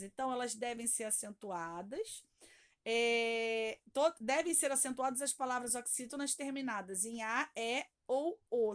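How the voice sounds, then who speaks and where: A Brazilian woman teacher patiently walking young pupils through homework, stretching key words and checking in often. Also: a little high. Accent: Brazilian Portuguese. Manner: patient, drawn-out stressed words, checking in with "tá bom?". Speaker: primary school teacher. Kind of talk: recorded homework walkthrough.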